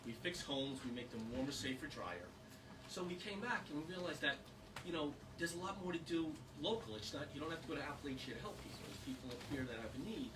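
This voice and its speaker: A volunteer speaks earnestly to a small audience in the meeting room of a small historic house, his informal talk full of rambling fillers. His voice is on the high side, expressive and quick. A distant mic picks him up along with background noise.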